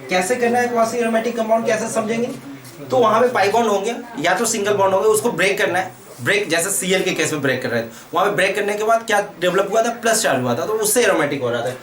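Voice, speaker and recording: A man with an Indian accent and a high, slightly bright voice gives a quick-paced chemistry lecture at a whiteboard. He asks questions, answers them himself, and repeats key terms, recorded in an echoey room with the mic far away.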